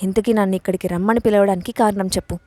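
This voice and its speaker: A woman's voice: medium pitch, fairly even intonation, fast talker, mellow, no echo, close to an everyday voice. A woman reading the part of a hot-tempered young woman who snaps back indignantly. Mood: defiant. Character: feisty young bride, defiant and hot-tempered.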